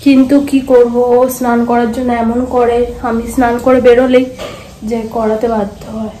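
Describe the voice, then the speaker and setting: A woman's voice: on the high side, level tone, normal speed, warm tone. A woman with a Bengali accent, chatting casually in a daily vlog while doing chores. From India. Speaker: vlogger. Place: home in hot weather. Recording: echoey home room with clear background noise.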